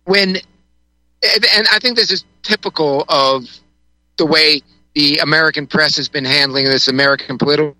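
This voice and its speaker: Bright, rambling male political commentator. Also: a little high, a little fast, dry recording, rough recording. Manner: rambling, many restarts and fillers. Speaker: guest commentator. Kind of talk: political talk-show commentary.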